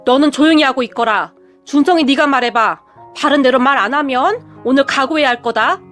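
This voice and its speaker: A woman's voice: high-pitched, fairly quick, a bit bright, soft background music. A woman voicing a stern, commanding older father-in-law.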